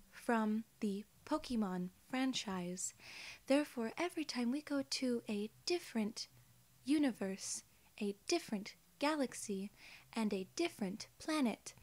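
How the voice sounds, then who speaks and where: A young adult woman with a voice on the high side plays a polite, curious alien gatekeeper in an ASMR roleplay. She speaks softly, partly in a whisper, using formal, quaint wording.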